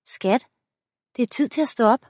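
A woman's voice: on the high side, darkish tone, no echo, clean studio sound, pitched above the performer's own voice, close to an everyday voice. A woman voicing an exasperated young mother who is trying to hurry her husband, speaking impatiently and pleadingly.

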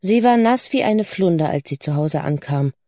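A woman narrating a children's book in a calm, even way. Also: on the low side, moderate pace, no room sound, clean studio sound. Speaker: audiobook narrator. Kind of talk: scripted narration.

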